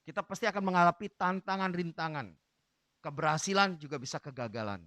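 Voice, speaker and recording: A male pastor preaching, retelling a Bible story dramatically and shouting out the characters' cries. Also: on the high side, a little fast, no room sound. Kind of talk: sermon with Bible reading. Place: church hall.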